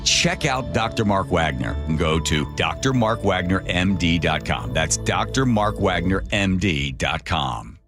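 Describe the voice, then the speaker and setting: A man in his sixties with a low voice delivers a chatty radio endorsement. He tells it like an anecdote, playing out both sides of conversations, over clear background music. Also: a little slow, few pauses. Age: 60s. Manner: animated storytelling, acting out dialogue. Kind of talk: chatty personal testimonial ad.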